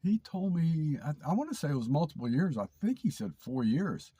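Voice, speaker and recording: Vlog host, male, congested nasal voice, slightly raised pitch, loose rambling delivery with fillers, dry room. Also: sing-song, moderate pace, mellow, slightly rough, dry recording. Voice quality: nasal, stuffy. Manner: rambling, repeats words, frequent fillers. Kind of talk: casual storytelling monologue.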